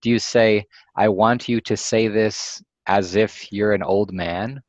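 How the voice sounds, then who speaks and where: A man's voice: fairly low pitch, steady tone, slow pace, no echo. An encouraging man moderating an online discussion, full of friendly follow-up questions. His voice comes through a dull, lo-fi call line with a dry sound and no room around it. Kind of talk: casual panel discussion.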